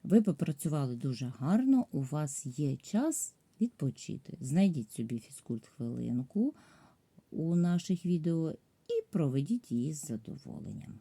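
A woman with a low, very dark and mellow voice gives a recorded lesson to young pupils. She speaks patiently and articulates each letter and sound with care. The recording is dry and close, with no room sound. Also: sing-song, no echo. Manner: patient, slow and clearly articulated, spelling out sounds. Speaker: primary school teacher.

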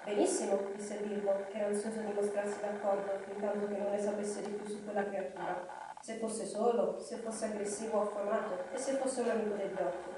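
Woman, live storybook reader, expressive pacing, distant and boomy room sound. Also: a little fast. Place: live reading evening in a hall. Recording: echoey hall, distant mic, faint noise.

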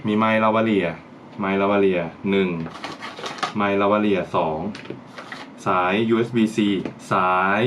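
Guy unboxing stuff and chatting away, lowish voice, little bit of room noise behind. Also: level tone, unhurried. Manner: chatty, thinks aloud while handling gear. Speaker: vlogger reviewing gear. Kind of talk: casual unboxing talk.

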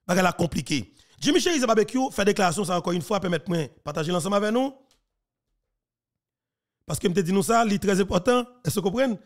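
A Haitian-accented man in his thirties, a news commentator, gives earnest commentary on a played clip. His voice is high-pitched, expressive and quick. He wears headphones and speaks into a boom-mounted studio mic in a small, plain indoor room.

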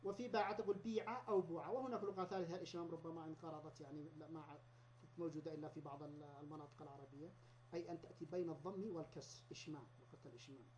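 A man lecturing on grammar at university level, explaining step by step and repeating example words slowly. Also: on the high side, steady tone, darkish tone. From Yemen. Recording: dull lo-fi lecture recording.

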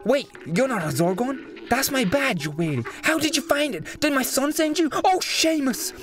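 A man's voice: extremely high pitch, big pitch swings, normal speed, music in the background, voice pushed up. A man voicing an old robot inventor in a video game, a lonely and devoted father who speaks earnestly. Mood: surprised, homesick. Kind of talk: video game dialogue read aloud.

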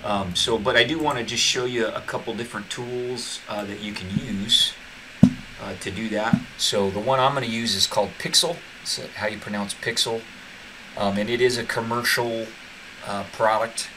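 A man hosting a casual software tutorial, talking in a halting, relaxed way with lots of fillers and restarts. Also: on the low side, background noise. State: burping from tea. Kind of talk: casual screen-share tutorial.

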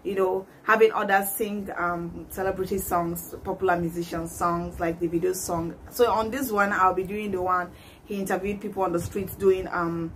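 Speaking at normal speed in a fairly low, steady voice with a fairly bright tone, a young YouTube reaction vlogger chats casually and laughs a lot. She sits in a small indoor room against a patterned wall. Slight background noise is audible.

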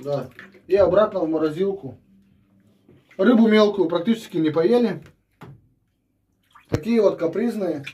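A woman's voice: on the low side, unhurried, long pauses, warm tone, slight background noise. Chatty woman narrating a home vlog. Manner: chatty, explains as she goes, restarts sentences. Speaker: family vlogger.

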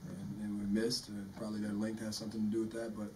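A man's voice: lowish voice, monotone, dark tone. Man coaching at a postgame press conference, distant mic. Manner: measured, repeats words while thinking. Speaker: head basketball coach. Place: press room in front of a sponsor backdrop. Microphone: table microphone, recorded from the room. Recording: distant room mic with faint noise.

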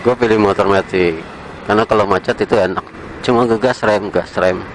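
A man chatting casually while riding a motorcycle, with relaxed slang and small chuckles, recorded on a helmet camera. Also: on the low side, fairly quick, poor audio. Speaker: motovlogger. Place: on a motorcycle in night city traffic. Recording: faint traffic noise outdoors.

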